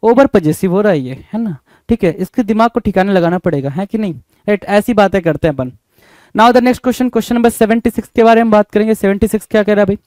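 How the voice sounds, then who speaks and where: A man's voice: high-pitched, a little fast, a little mellow, no room sound. A man teaching an exam vocabulary lesson, asking the listener rhetorical questions over and over. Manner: repetitive quizzing asides.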